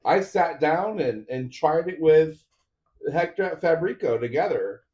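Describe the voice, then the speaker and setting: A man's voice: a little high, expressive, unhurried, a little mellow, muffled recording. A man streaming a 3D printer build, chatting casually with viewers while he assembles parts. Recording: roomy echo.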